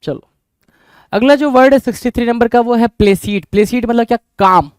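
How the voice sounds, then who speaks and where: A man with an Indian accent teaches English words, mixing Hindi and English and asking his class the same question again and again. His voice sits high and sounds smooth and clear. The sound is dry and close, with no room echo. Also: brisk. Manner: repeats questions to students, calls them brother. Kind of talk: Hindi-English vocabulary lesson.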